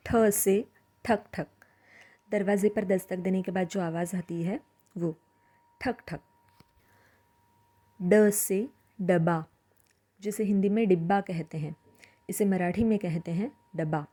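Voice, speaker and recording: Lady teacher going thru letters one by one, super slow, soft warm tone. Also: mid-range voice, husky. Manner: slow and deliberate, drawing out example words. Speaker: language teacher. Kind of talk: slow spoken language lesson.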